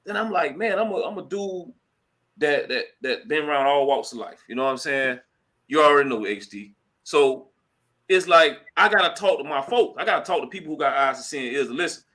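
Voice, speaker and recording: Bright, chatty man hosting a live stream. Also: fairly high pitch, lively intonation, brisk. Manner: slangy and chatty, full of "you know what I'm saying" and shout-outs. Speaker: host of a crypto live stream. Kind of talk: casual live-stream talk. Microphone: computer mic at a laptop.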